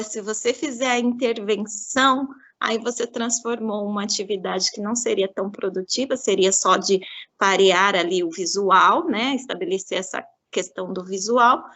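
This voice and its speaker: A woman giving a lecture to teachers on literacy, explaining classroom activities and slowly modeling words syllable by syllable. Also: fairly high pitch, pushed and bright.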